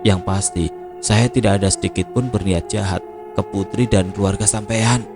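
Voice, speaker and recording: A man voicing a gentle, modest older becak driver with a Javanese accent, speaking softly. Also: on the low side, steady tone, moderate pace, lightly acted. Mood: humble. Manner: soft-spoken, modest. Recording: music playing behind.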